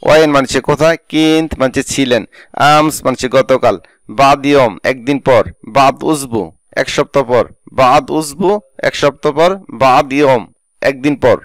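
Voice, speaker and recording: Bangladeshi Bengali-accented male language teacher, smooth voice, dry close recording, slow drilled repetition. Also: mid-range voice, no room sound. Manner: slow repetition of phrases with translations. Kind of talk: spoken language lesson.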